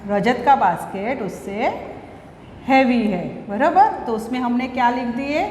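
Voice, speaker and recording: Slow, echoey woman teacher with an Indian accent. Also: on the high side, a little mellow. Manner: slow, deliberate, repeats and asks questions back. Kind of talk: classroom lesson, mixing Hindi and English. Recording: echoey room with long reverb, faint hiss.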